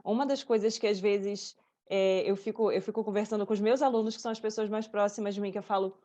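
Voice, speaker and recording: A Brazilian woman hosting an interview, speaking in a warm, effusive way and openly moved. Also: mid-range voice, steady tone, quick pace, dull audio. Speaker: interview host. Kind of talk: casual interview chat.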